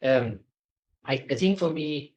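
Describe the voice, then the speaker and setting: A man, a winemaker guest in a casual wine-tasting chat, talking in a measured, thoughtful way as he searches for words. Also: medium pitch, animated, darkish tone, breathy edge. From Denmark. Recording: dull lo-fi recording.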